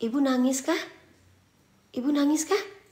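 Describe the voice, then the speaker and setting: High-voiced woman streaming a ghost hunt. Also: a little slow, echoey room. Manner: swings between whispered prayers and loud retorts to viewers; casual slangy banter with chat. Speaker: live-stream ghost-hunting host. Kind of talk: live-streamed haunted house exploration.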